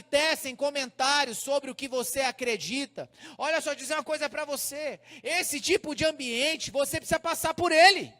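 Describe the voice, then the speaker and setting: High-voiced man preaching in a hall. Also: a bit bright. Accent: Brazilian Portuguese. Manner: preaching to a crowd, addressing them directly, storytelling. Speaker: pastor. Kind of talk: sermon to a youth congress. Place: large church hall. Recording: hall reverb.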